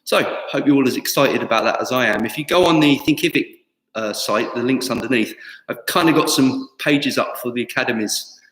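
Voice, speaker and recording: A man's voice: mid-range voice, fairly quick, fairly bright tone. A man in his fifties talking casually and conversationally to online students as an instructor, in an indoor studio. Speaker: tai chi instructor. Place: indoor martial arts studio with wooden floor. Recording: echoey hall, faint background music.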